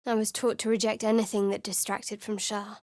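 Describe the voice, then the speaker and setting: In a studio booth, close-miked, a woman performs a wary, sardonic young cleric for a game. She speaks fairly quickly at medium pitch with a flat, dry, cool manner, and her natural voice has a darkish tone in a dry recording.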